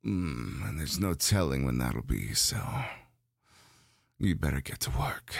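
A man's voice: a bass voice, very animated, measured pace, vocal fry, no room sound, clean studio sound, full character voice. A man voicing a domineering, lustful male dragon in an adult audio roleplay, speaking in a commanding, gloating manner.

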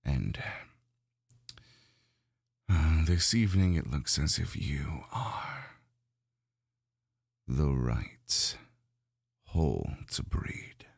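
A lustful, domineering dragon, as a man acts it out, growling slow, gloating commands in a voice pitched extremely low. The sound is gravelly and unhurried. It is recorded dry and close, like an audio roleplay. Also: animated, no echo, heavily acted.

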